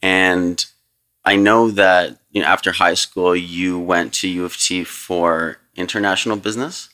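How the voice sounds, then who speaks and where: A man's voice: low-pitched, fairly even intonation, a little slow, pushed and bright. A man hosting a podcast, chatting casually and hesitantly with many ums and restarts. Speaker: podcast host. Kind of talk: casual interview chat.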